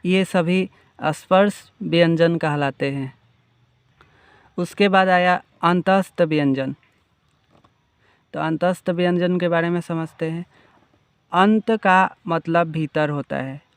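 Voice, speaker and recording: A man teaching Hindi grammar in a slow, explanatory lesson, defining each term and then restating it. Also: fairly high pitch, clean tone, no echo.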